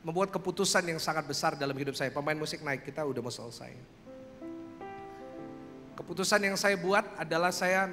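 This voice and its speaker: A young man from preaching a sermon as pastor, with a lively, animated delivery that calls out to the congregation. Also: a little high. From Indonesia. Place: large church hall. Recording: reverberant church hall with faint music.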